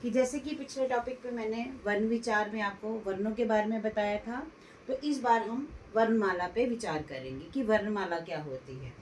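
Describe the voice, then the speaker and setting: A woman teaching a grammar lesson, slowly and deliberately sounding out letters one by one. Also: medium pitch, a little mellow, distant mic, a little hiss or hum.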